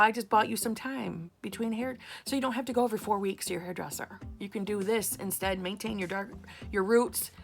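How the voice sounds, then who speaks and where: Woman vlogger, New York accent, gravelly fry, sarcastic and blunt, faint music under her. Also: mid-range voice. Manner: blunt, sarcastic, swears casually. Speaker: beauty vlogger. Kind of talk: casual chat to camera. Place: home, indoors.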